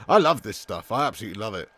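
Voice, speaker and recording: A young man from England hosts a live football watch-along from a room at home, chatting casually, swearing and greeting viewers by name. His lowish voice swings widely in pitch, sounds pushed and bright, and moves fairly quickly.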